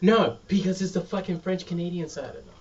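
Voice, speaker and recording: Animated man, distant lo-fi podcast mic. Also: high voice, fast talker. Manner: animated, swears a lot, laughs often. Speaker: podcast co-host. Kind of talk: casual chat.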